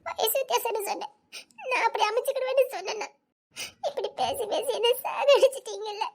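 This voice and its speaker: A woman's voice: extremely high pitch, a little fast. A woman with a Tirunelveli Tamil accent playing a heartbroken young woman who pleads tearfully, with nervous laughs. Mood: pleading, hurt. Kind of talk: romantic short-drama acting.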